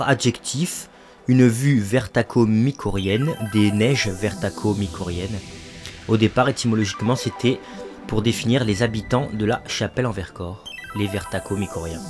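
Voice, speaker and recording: A man reading a mock dictionary definition in a dry, deliberate way for a comedy radio segment. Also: fairly low pitch. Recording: music bed under voice.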